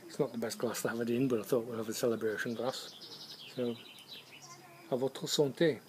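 A man's voice: mid-range voice, steady tone, brisk, darkish tone, slight background noise. A man in his fifties chatting casually to the camera while filming himself outdoors in a garden, reviewing drinks and thinking aloud with ums. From England. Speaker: homebrew vlogger reviewing beer and cider. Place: garden outdoors on a sunny day. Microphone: camera at arm's length.

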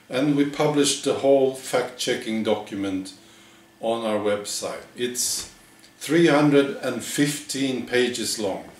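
A man in his forties presenting a parody news monologue in a deadpan, halting, mock-earnest way. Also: medium pitch. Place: living room with bare walls, indoors. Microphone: camera a few metres away. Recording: echoey room, distant microphone.

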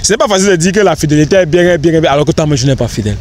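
A young adult man, a content creator, answers questions on a park bench in a casual outdoor interview. His voice is on the high side, slightly mellow, very fast, and lively in intonation, and he rambles earnestly with many restarts. Faint street noise can be heard in the background.

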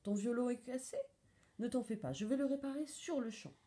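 A woman's voice: fairly high pitch, fairly quick, dark tone, pitched above the performer's own voice, natural voice. A woman voicing a cheerful male instrument maker who speaks kindly and encouragingly. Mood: reassuring.

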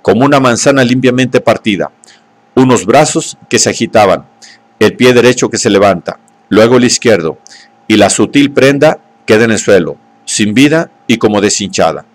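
A man reading a novel aloud in scripted narration, at a steady, measured pace. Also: mid-range voice. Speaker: audiobook reader.

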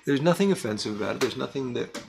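A man's voice: mid-range voice, animated, fast talker, vocal fry, noisy background. A man in his fifties chatting casually to camera from his home workshop, rambling and candid, with many restarts and fillers. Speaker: pipe tobacco reviewer. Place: home workshop room, indoors.

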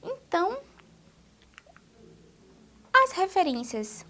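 A woman teacher with a high, sweeping voice that climbs and dips a lot. She speaks slowly and draws out each word in a sing-song way, as if talking to small children. Her accent is Brazilian Portuguese. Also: very animated, sharp tone. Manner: sing-song, slow and exaggerated for young children. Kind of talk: children's literacy lesson.

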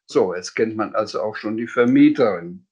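A man reading his children's book aloud, with relaxed, chatty asides between passages. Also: lowish voice, moderate pace, slightly rough, dull audio.

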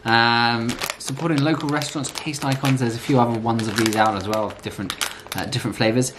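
A man in his thirties giving a casual, halting taste-test review to camera in a room indoors. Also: mid-range voice, fairly even intonation. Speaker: snack reviewer. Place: small plain room indoors. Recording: clear background noise with clicks.

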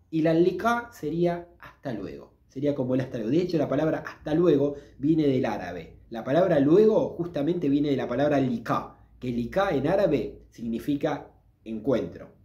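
A man with a Rioplatense Spanish accent, giving a casual video lesson on Arabic greetings and slowly repeating each word for practice. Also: mid-range voice, a little mellow, roomy sound. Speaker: Arabic language teacher.

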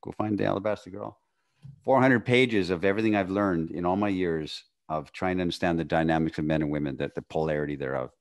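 Deep voiced guy in his 50s, grew up in northern canada, chill and laughy, on a video call podcast. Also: quick pace. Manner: relaxed, laughs often, drifts into a quiet, low voice. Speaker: podcast guest. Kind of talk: casual conversation. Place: home room, video call. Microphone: studio mic on a boom arm.

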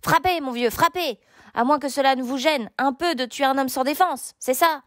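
A woman's voice: sits high, steady tone, fast talker, darkish tone, no room sound, clean studio sound, lightly acted. A woman voicing a proud, fiery young male knight in a storybook reading, calling out defiant challenges. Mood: impatient.

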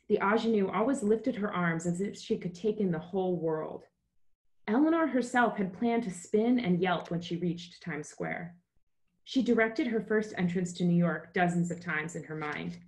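A woman's voice: lowish voice, animated, moderate pace, a little mellow. A woman novelist reading from her book, then talking casually about writing with many fillers, over a video call. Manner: plain, with many fillers in talk.

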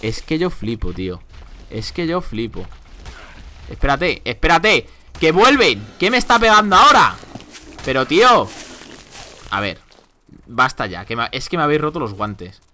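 Animated, exasperated young gamer. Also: male voice, fairly high pitch, moderate pace, long pauses. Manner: exasperated, chatty, swears and exclaims often. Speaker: gameplay commentator. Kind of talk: casual game commentary.

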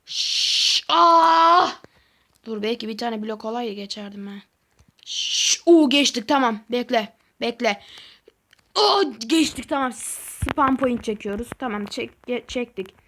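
A woman giving excitable, easily frustrated let's-play commentary as a gaming channel host, talking to herself while she plays. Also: fairly high pitch, measured pace.

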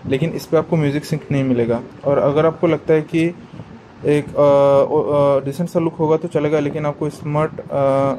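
A product reviewer with a warm, fairly high voice speaks at a normal, steady pace while demonstrating how something works, chatting directly to viewers he calls "guys." The low-quality recording carries a little hiss or hum.

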